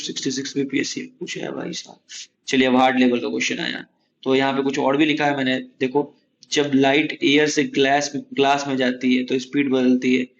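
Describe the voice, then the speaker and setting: A man's voice: mid-range voice, dull audio, slight background noise. A man teaching an exam coaching lesson in a casual mix of Hindi and English, often checking in with listeners. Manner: chatty, repeats "ठीक है?" to check in. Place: room at home, AC running.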